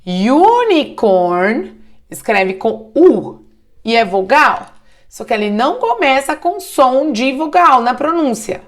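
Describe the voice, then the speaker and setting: A woman teaching English grammar in a slow, deliberate way, often checking in with the listener. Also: sits high, very animated. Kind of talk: online grammar lesson in Portuguese.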